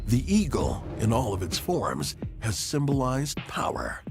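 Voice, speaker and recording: Man narrating a nature documentary, animated pitch. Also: gravelly. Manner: measured, dramatic phrasing. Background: background music.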